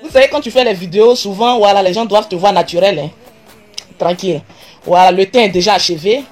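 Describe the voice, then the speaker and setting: A woman's voice: mid-range voice, fast talker, a little mellow. A woman beauty vlogger talking casually on a live stream, self-assured and boastful.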